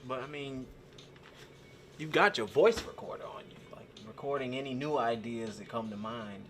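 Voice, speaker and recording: An actor playing a chatty, awkward server and eager fan who rambles and stammers with lots of fillers, in short film dialogue. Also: male voice, mid-range voice, moderate pace, noisy background, lightly acted.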